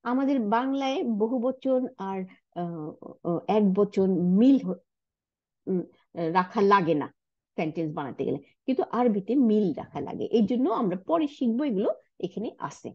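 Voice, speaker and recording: A woman giving a recorded Arabic lesson, explaining step by step and often checking understanding with a quick "right?". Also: medium pitch, animated, no room sound, dull audio. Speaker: Arabic teacher.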